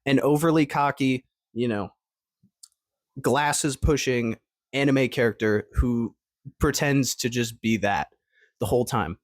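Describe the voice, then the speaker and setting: A man's voice: mid-range voice, measured pace, pauses often, no room sound, clean studio sound. A man of twenty telling stories to camera in a rambling, upbeat way, with lots of fillers and restarts. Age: 20s. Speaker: vlogger. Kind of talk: casual storytelling to camera.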